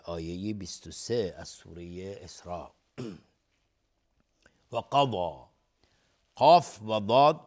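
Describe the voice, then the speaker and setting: A man with a Persian accent teaching Quran recitation rules. He chants verses slowly and loudly, then explains each rule in quick, plain speech. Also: lowish voice.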